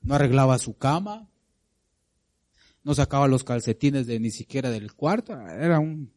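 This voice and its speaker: A man preaching a sermon to a congregation, calling them brother and sister, asking them questions, swinging between loud climbs and soft drops. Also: medium pitch, animated, moderate pace. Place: church congregation.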